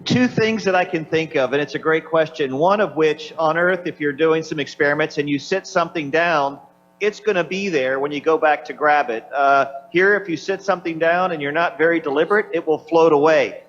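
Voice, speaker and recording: A man's voice: fairly high pitch, a little fast, a bit bright. A man answering questions as an astronaut over a radio downlink, unscripted and searching for his words. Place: aboard a space station. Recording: slightly dull downlink with faint hum.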